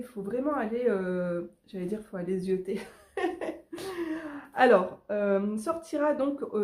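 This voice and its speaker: A woman's voice: mid-range voice, mellow, echoey room. A woman chatting casually about upcoming coloring books, enthusiastic and hesitant, with many small fillers. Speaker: coloring book vlogger. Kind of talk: casual chat about upcoming book releases.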